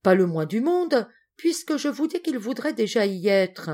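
Calm matter-of-fact dad, read by a woman, storybook scene. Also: on the high side, moderate pace. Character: calm, firm middle-aged father.

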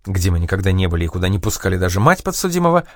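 Expressive male audiobook narrator. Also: low voice, no room sound, clean studio sound. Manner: measured, expressive reading. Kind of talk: scripted memoir narration.

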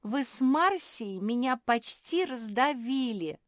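A small storybook dog who whines and frets about everything in a high, tearful voice, as a woman acts her out. The recording is close and dry. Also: lively intonation, a little slow, dry recording. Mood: whiny. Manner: whining, tearful.

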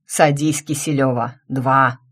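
A woman doing a grumpy old-rector cat, low and grumbling. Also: unhurried. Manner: grumbling, irritable, self-pitying. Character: grumpy middle-aged male cat, a former rector.

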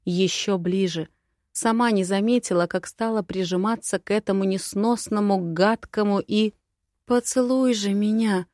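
A woman narrating a first-person romantic fantasy audiobook in an expressive way. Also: medium pitch, moderate pace, no echo, clean studio sound.

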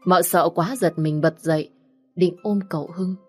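A woman narrating a romance story in a steady storytelling manner. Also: lowish voice, normal speed, husky, soft background music.

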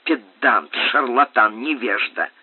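A man's voice: mid-range voice, expressive, slow, husky, dry recording. A man voicing a furious, vain male doctor in an audiobook, with scornful outbursts, on a tinny recording. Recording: tinny phone-like dry sound.

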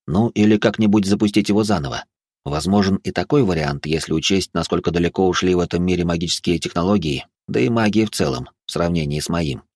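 A man narrating a first-person fantasy audiobook in a measured, even manner. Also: sits low, husky, no echo, clean studio sound.

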